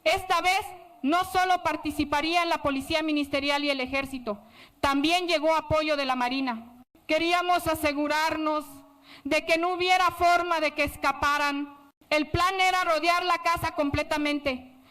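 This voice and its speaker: A woman telling a first-person story in steady, serious scripted narration. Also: sits high, moderate pace.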